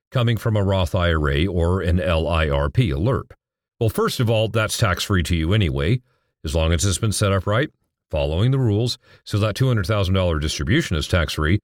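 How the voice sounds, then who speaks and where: Recorded dry in a clean studio, a middle-aged man with a low voice gives an explanatory talk on retirement account taxes. As a financial educator, he is emphatic and keeps raising questions only to answer them himself.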